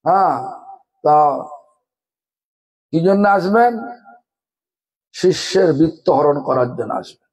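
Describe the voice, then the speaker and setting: A man's voice: on the high side, lively intonation, takes it slowly, pauses often, a little mellow, poor audio. A man with a Bengali accent giving a scolding sermon, asking the audience one rhetorical question after another. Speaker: guru giving a religious discourse.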